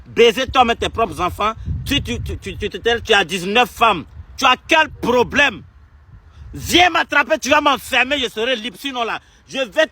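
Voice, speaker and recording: A man's voice: high voice, no echo. A young man from Togo, delivering an angry political rant straight to camera. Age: young adult. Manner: furious, insulting, repetitive, shouting bursts. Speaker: activist vlogger.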